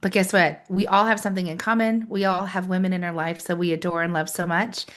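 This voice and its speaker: A woman's voice: on the low side, little pitch movement, quick pace, fairly bright tone. A woman co-hosting a podcast, chatting in an upbeat, friendly way and speaking straight to her listeners. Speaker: podcast co-host. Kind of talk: casual podcast chat.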